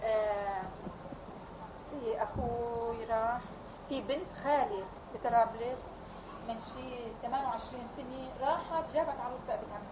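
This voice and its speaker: An older woman from Palestine recounting family memories in a rambling, animated interview. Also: a little high, normal speed. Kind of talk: oral history recollection. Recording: roomy, loud vehicle noise.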